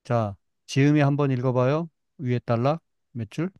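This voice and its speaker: A middle-aged man leads a Bible class, retelling the story with lively, dramatic touches. His voice sits at an ordinary pitch. The sound is dry and close. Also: moderate pace, smooth, dry recording. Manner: lively retelling, acts out complaints with wails. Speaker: Bible teacher.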